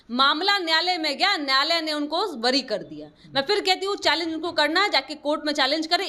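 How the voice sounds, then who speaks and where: High, bright-voiced woman rebutting sharply. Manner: combative, rebutting and advising opponents. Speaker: party spokesperson. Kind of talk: political interview answers.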